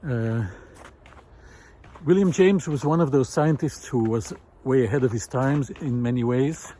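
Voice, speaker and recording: A man hosting a vlog muses while walking outdoors in a snowy park, unscripted and hesitant in his thoughtful phrasing. He keeps a measured pace, his medium-pitched voice carrying a dark tone.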